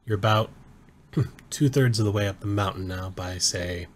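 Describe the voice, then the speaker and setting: A man narrating a tabletop game as game master, describing scenes in a calm, measured way. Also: lowish voice, slight background noise.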